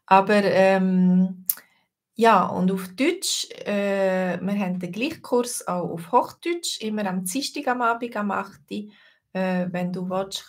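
A woman with a Swiss German accent, giving a casual online lesson as a language teacher, slow and hesitant with many fillers. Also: on the low side.

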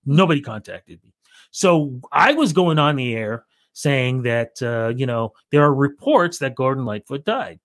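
A middle-aged Canadian man, a radio reporter, is a guest in a casual interview, speaking at a measured pace in a medium-pitched voice. Recorded at studio quality with no echo, he tells animated stories, acting out both sides of remembered phone calls.

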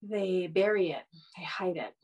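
A woman's voice: on the low side, unhurried, darkish tone, breathy edge, lo-fi sound. A woman speaking as an interview guest, telling a candid personal story in an earnest, frank way with frequent restarts.

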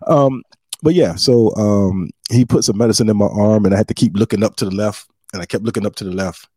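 Husky-voiced man hosting a podcast, dry sound. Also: lowish voice, fairly quick, no room sound. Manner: boastful, animated trash talk with frequent laughs. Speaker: podcast host and comedian. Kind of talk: casual podcast chat.

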